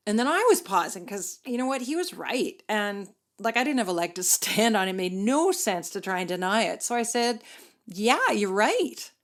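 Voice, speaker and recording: Middle-aged woman host, chatty first-person storytelling, medium pitch. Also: lively intonation, moderate pace, hardly any pauses. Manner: conversational, sprinkled with "like" and "you know". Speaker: podcast host.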